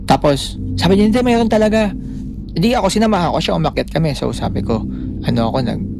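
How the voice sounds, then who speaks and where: Gravelly man telling a story. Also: on the high side, quick pace, noisy background. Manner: animated storytelling, acting out quoted lines. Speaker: podcast co-host. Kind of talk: casual storytelling chat.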